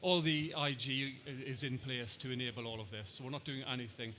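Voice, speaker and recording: Irish man, conference speaker, bright and forward voice, stop-start delivery with repeated words. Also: mid-range voice, fairly even intonation, a little fast. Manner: hesitant, repeats words, quotes people. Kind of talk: answering audience questions.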